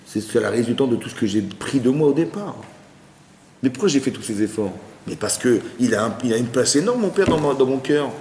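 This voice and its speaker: A man gives a quick, animated class to listeners in a study hall, checking often that they follow. His voice carries a long, roomy reverb from the hall, with a faint hiss underneath. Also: mid-range voice. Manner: lively, conversational, often asks the audience if they follow. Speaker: rabbi. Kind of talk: informal Torah class.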